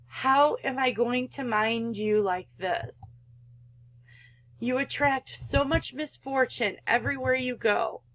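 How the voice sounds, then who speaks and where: A woman's voice: high voice, takes it slowly, fairly bright tone. A woman voicing a cold, belittling, controlling mother in a visual novel, with a condescending, guilt-tripping manner. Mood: pitying contempt.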